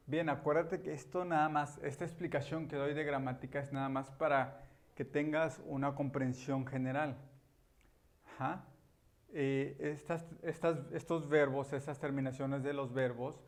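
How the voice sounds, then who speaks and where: A man teaching a grammar lesson at a board, patient and repetitive, with frequent affirming fillers. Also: medium pitch. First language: Spanish. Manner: patient, repeats key words, many "ujú" and "ajá" fillers. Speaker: English teacher.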